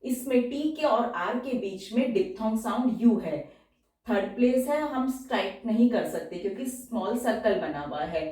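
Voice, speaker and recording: A woman teaching a shorthand lesson, going step by step and repeating each example word slowly. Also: on the high side, lively intonation, darkish tone. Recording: very echoey room, voice from far off.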